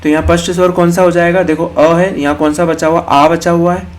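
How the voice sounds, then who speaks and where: A young man with a slightly high voice teaches an exam-prep lesson patiently. He moves step by step, checking in often and asking questions before he answers them himself. When he demonstrates a vowel, he stretches the sound out slowly. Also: level tone. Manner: explains step by step, checking in with "ठीक है" and "okay".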